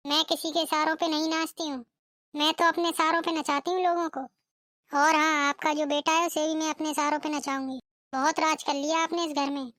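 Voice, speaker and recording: A woman's voice: high voice, a bit bright, dry recording, studio quality. A woman voicing a rude, defiant young daughter-in-law in a cartoon, talking back with arrogance. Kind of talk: cartoon voice acting.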